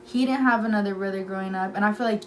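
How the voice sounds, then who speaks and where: A young woman chatting casually on a home vlog, her talk packed with "like" as she tells animated stories. Her voice sits at a middle pitch, with a faint noise underneath. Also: fast talker, poor audio. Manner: chatty, many "like"s, lively storytelling. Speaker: vlogger. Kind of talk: casual sibling chat.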